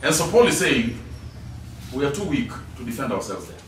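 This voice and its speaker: A man's voice: medium pitch, very animated, fairly quick. A man giving a Bible lesson, emphatic, repeating key words and asking rhetorical questions. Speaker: Bible teacher. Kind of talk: classroom Bible teaching. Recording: very echoey hall, distant mic, faint noise.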